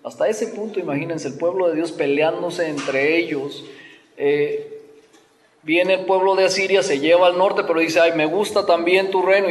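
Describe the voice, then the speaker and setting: Man, sermon, animated storytelling, slightly high voice, long hall echo. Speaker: preacher.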